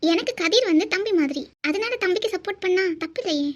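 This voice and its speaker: A woman's voice: very high voice, animated, fast, lo-fi sound. A woman voicing a cheerful, stubborn young woman in love in a cartoon, speaking playfully. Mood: teasing. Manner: playful, teasing. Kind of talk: cartoon voice acting.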